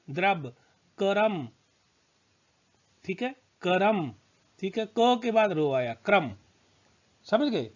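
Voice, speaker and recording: A man teaching a grammar lesson to students, patiently repeating example words and checking that they understand. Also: sits high. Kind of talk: slow spoken grammar lesson. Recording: slightly dull lo-fi sound.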